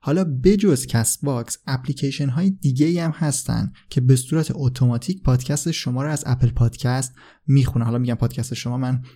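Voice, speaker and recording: Male podcast host, warm low-toned delivery, relaxed and hesitant, filler-heavy. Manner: relaxed, frequent "uh" fillers, unsure of foreign names. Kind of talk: casual explanatory talk.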